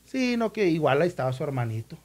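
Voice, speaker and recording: A man's voice: fairly high pitch, big pitch swings, quick pace, a little mellow. A man recounting a past event in casual conversation, acting out the voices of the people he quotes. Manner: vivid retelling, acts out quoted voices. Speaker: former newspaper reporter, podcast guest. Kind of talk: casual storytelling chat.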